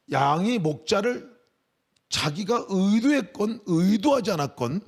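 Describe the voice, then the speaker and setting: A middle-aged man preaches at a church prayer service with a high, lively voice that leaps up and down in pitch. He moves from soft, quiet explanation to raised, emphatic cries. His delivery is heartfelt and insistent. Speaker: pastor. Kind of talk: sermon.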